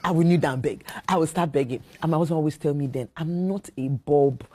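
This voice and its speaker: A woman's voice: low-pitched, quick pace, mellow, husky. A woman on a talk show, candidly telling her own story in a self-mocking way. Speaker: guest, pastor's wife.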